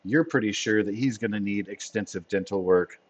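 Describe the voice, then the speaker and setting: A man's voice: on the low side, normal speed. Playful man running a tabletop game. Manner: playful, laughs often. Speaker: game master. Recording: dull lo-fi sound.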